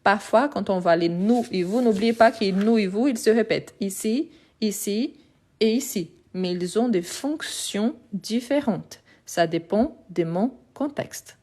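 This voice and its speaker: A woman's voice: mid-range voice, measured pace, a little mellow. A woman teaching French grammar in a live lesson, patient and methodical, repeating examples step by step, Portuguese her first language.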